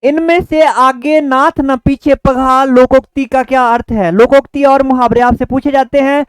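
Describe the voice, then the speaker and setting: A man's voice: very high-pitched, clean tone, dry recording. Man teaching a grammar lesson. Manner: repeats key words and questions to the viewer. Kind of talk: exam-prep Hindi grammar lesson.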